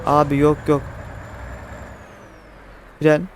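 A man with a high voice reacts loudly to a driving game, exclaiming and cursing at every mishap. His speech is a bit thick from a numbing dental injection, and a faint hum sits behind him. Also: very slow. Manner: excitable, swears and exclaims at the game. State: numb mouth after dental injection. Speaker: gaming streamer. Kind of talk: casual gameplay commentary.

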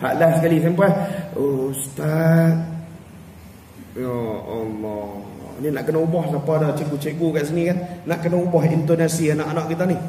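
A male religious teacher with a Malaysian Malay accent leads an evening recitation class, explaining rules and chanting verses slowly as examples. His voice sits a little high. It is picked up from across an echoing prayer hall with a faint room hum behind. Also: flat delivery, mellow. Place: cold air-conditioned prayer hall. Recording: distant, echoey hall with long reverb.

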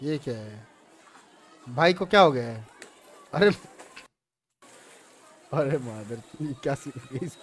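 A man's voice: medium pitch, lively intonation, slow pace, pauses often, slight background noise. A young man from India reacting to memes, swearing and laughing in casual slang. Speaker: meme reviewer. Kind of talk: casual meme reaction commentary.

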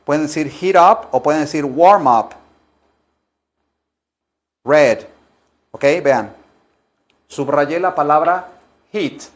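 An English teacher gives a lesson to Spanish speakers in a slightly high, unhurried voice. In a coaxing manner, he keeps urging the class to repeat after him, slowing down to stress each English word so students can echo it.

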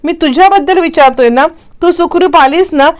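A woman's voice: high-pitched, normal speed, voice pushed up, close to an everyday voice. A woman voicing a caring, worried young husband who keeps pressing with anxious questions. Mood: pleading. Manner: pleading, coaxing questions.

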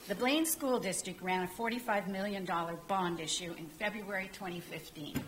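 A woman's voice: mid-range voice, a bit bright, a little hiss or hum, poor audio. An older woman giving a formal public comment from a podium in a council chamber, reading a prepared statement. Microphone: podium microphone.

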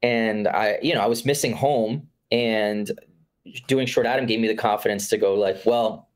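Laid-back, low-voiced man on a video call. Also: steady tone, normal speed. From Florida, USA. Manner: laid-back, swears casually, many fillers. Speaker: guest filmmaker. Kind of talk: casual conversation. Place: room with curtained window.

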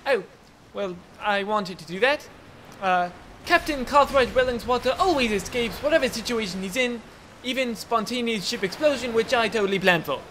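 A man voicing a bumbling, boastful ship captain in a comedy machinima, talking in an excitable, rambling way and breaking into yelps. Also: very high voice, normal speed, a little hiss or hum. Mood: blustering.

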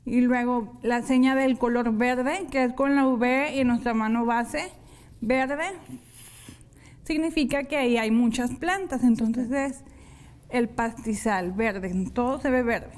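A woman teaching sign language in a televised class, explaining each hand sign slowly, step by step. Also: a little high, darkish tone.

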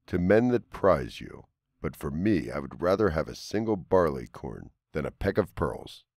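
A proud farmyard rooster who struts and boasts with a haughty air, as a man puts him on. The voice is deep but lively in its pitch. The recording is close and dry. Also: moderate pace, no echo, exaggerated voice.

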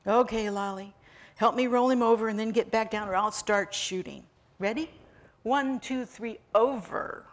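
A woman's voice: fairly high pitch, normal speed, close to an everyday voice. A woman voicing a tough, bossy woman bank robber who barks orders and threats. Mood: commanding. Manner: brash, shouting threats.

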